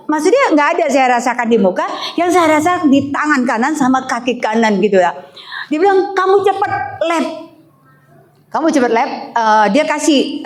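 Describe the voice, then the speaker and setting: High-voiced woman pastor telling her story. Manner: animated storytelling, acts out voices, expressive pitch swings. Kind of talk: sermon with personal testimony.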